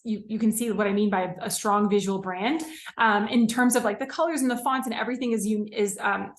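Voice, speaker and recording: This is a young woman, a business coach, talking casually on a live stream. Her voice sits fairly high, and she fills her points with "like", "okay?" and "right?". The sound is roomy, with a clear echo around her. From California. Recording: echoey room.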